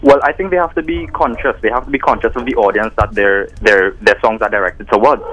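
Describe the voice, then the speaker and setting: An eighteen-year-old man phones in and lays out his view earnestly. His voice is fairly low. He speaks clearly, with some hesitant fillers along the way. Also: quick pace, muffled recording. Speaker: caller. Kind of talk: call-in radio.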